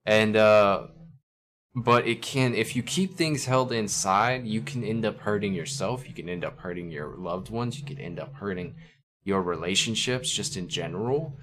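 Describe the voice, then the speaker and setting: A man's voice: lowish voice, normal speed, fairly bright tone. A man hosting a channel, talking casually and thoughtfully with many fillers and restarts into a compressed desk mic. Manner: reflective, conversational, frequent fillers and restarts. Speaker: channel host analyzing song lyrics. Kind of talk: casual spoken commentary. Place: indoors at a computer. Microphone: compressor on a desk mic at a computer.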